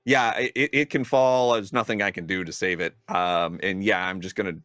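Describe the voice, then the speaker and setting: A man's voice: deep voice, steady tone, normal speed, fairly bright tone, dry recording. A man playing in a tabletop game, loose and playful, often chuckling. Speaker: player.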